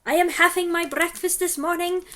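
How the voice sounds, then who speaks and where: A woman's voice: extremely high pitch, fairly even intonation, moderate pace, sharp tone, a little hiss or hum, pitched above the performer's own voice. A woman voicing a furious, tyrannical female witch queen who shrieks and rants in stiff, formal speech. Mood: ranting. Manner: shrieking, ranting, foreign-sounding formal speech.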